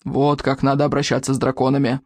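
A reader voicing a huge, gruff Viking chief and father who gives orders and bellows, in a storybook reading. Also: medium pitch, flat delivery, fast talker, no room sound, lightly acted. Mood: stern. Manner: bellowing, commanding.

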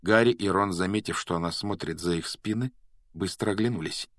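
A man's voice: sits low, brisk, no room sound, clean studio sound. A man narrating an audiobook expressively and voicing the characters.

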